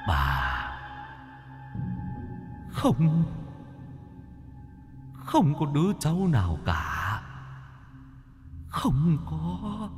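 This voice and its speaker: A man's voice: mid-range voice, long reverb tail, pitched above the performer's own voice, full character voice. A man voicing the trembling, tearful ghost of an old man, pleading with his wife. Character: old man's grieving ghost.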